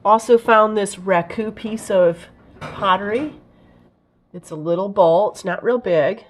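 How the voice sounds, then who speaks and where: A woman with a raspy, hoarse voice from a head cold, chatting casually as she shows off her thrift finds, often pausing to search for words. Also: medium pitch. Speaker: vlogger showing thrift finds. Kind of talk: casual haul show-and-tell.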